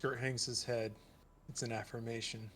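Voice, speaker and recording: A man's voice: mid-range voice, little pitch movement, normal speed, fairly bright tone. A man casually reading stage directions aloud during a stream, with chuckling asides. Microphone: home streaming mic.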